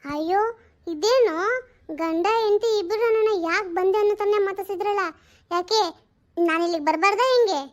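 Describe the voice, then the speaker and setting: A woman playing a sulky, suspicious older mother-in-law in a comedy sketch, lower and quieter than her other voices. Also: moderate pace. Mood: huffy tired.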